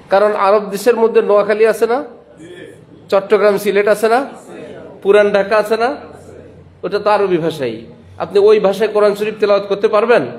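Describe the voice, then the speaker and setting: In a voice that sits high, a madrasa principal gives a religious sermon in a Bangladeshi Bengali accent. He quizzes listeners, answers his own questions, and spells out letters and sounds at a slow pace.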